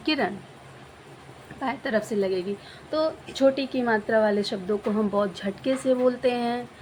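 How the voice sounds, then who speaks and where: A woman teaching Hindi vowel signs, slowly stretching out each sound and repeating example words for learners. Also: fairly high pitch, slight background noise, rough recording.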